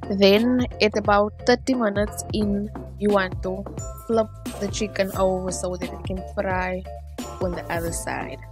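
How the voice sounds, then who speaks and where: Woman, South African accent, mid-pitched voice, polite cooking vlogger, step-by-step tutorial narration, faint background music. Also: steady tone, measured pace. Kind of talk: scripted how-to tutorial narration.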